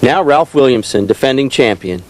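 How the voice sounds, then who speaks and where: A man's voice: mid-range voice, animated, moderate pace. Man, golf commentator, play-by-play, very varied intonation, faint outdoor noise behind. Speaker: disc golf tournament commentator.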